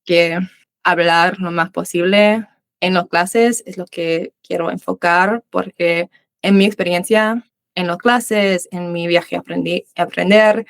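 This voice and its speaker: Her voice is on the low side and gravelly, slow and fairly even, with no echo. The speaker, a young Australian native English speaker who teaches English, is a guest in a casual interview, working through answers in learner Spanish with Uruguayan voseo and plenty of fillers and restarts.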